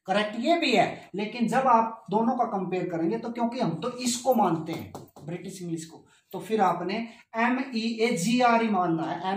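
A woman's voice: mid-range voice, roomy sound. A woman teaching an English spelling lesson, spelling words out letter by letter and mixing Hindi with English phrases. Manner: explains slowly, spells out letters one by one.

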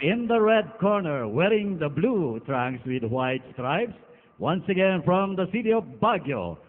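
A man working as a boxing ring announcer, formally introducing with ceremonious, drawn-out names. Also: high voice. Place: large indoor arena. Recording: echoing arena PA, phone-like sound.

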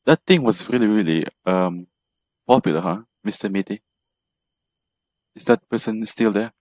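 Deep-voiced man doing joking game commentary. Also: moderate pace, darkish tone, no echo, clean studio sound. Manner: jokey, chats to an in-game companion. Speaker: gamer playing a horror game. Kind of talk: let's play commentary.

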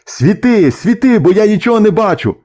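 A man voicing a rough bargeman who shouts in the dark, in a storybook reading. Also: high voice, sing-song, moderate pace, pitched above the performer's own voice. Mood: shouting. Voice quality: shouting, gruff.

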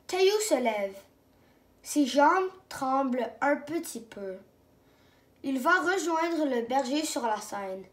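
Slow, high-voiced woman reading a storybook. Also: lively intonation. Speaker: storybook reader. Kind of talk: children's book reading. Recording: roomy echo.

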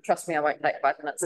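A woman speaking informally to a council meeting as a member of the public, reading loosely from notes with many fillers. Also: low voice.

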